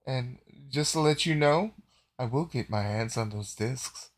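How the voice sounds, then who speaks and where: A man voicing a teasing, flirty female alien crewmate in a drawn-out sing-song voice. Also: mid-range voice, close to an everyday voice. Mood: playful.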